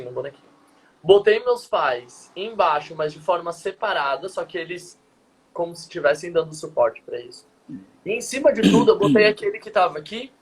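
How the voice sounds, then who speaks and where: A young man, a dance teacher, telling a personal story in a casual live stream over a video call and acting out the dialogue. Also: fairly high pitch. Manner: animated, quotes dialogue vividly.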